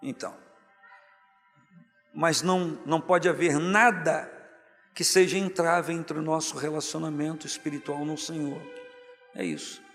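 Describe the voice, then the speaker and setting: A man's voice: fairly high pitch, steady tone, measured pace, pauses often, fairly bright tone, long reverb tail, soft background music. A Brazilian man preaching as pastor, jovial and teasing as he calls church members up to the front. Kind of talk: sermon. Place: large church hall, music underneath.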